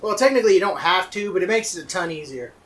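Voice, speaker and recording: A man's voice: high-pitched, expressive, quick pace, fairly bright tone. A man chiming in on a casual video game commentary, teasing and sarcastic with his friend. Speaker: let's play co-commentator.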